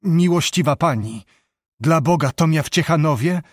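A man voicing an old wounded knight, speaking gravely and slowly with a heavy, distraught manner. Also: on the high side, no echo, studio quality, close to an everyday voice. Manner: grave, heavy, slow-spoken.

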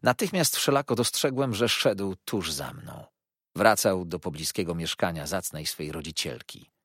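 A man narrating a literary audiobook in a dramatic, expressive reading. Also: deep voice, normal speed, husky, no room sound, studio quality.

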